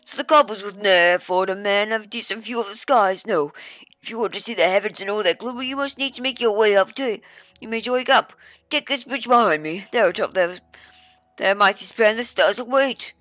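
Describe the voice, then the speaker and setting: A woman's voice: mid-range voice, brisk, fairly bright tone, no echo, voice pushed up, natural voice. A woman voicing a wise old man with a grand, storytelling delivery. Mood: grandiose.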